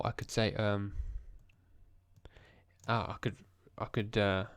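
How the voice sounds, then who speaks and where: A young man, talking in a hushed, tired voice as he thinks aloud through language practice in a casual vlog. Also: fairly low pitch, smooth. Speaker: language learner vlogger. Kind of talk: casual screen-recorded vlog.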